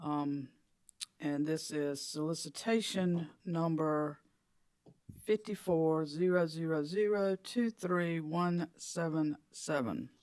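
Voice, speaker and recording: A man's voice: on the high side, darkish tone, no room sound. A man chairing a formal commission hearing, reading procedural items with some hesitant fillers.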